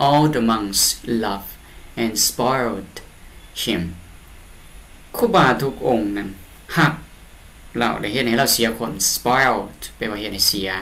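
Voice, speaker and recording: A man's voice: fairly low pitch, bright, forceful tone. Lao-accented male teacher explaining translations. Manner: explains slowly, reads English lines aloud and repeats words. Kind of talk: translating an English storybook in a lesson.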